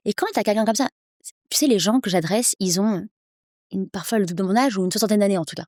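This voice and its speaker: A woman in her thirties, an English coach, speaking persuasively as a podcast guest, with energetic quick bursts. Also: medium pitch, no room sound, clean studio sound. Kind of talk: podcast interview.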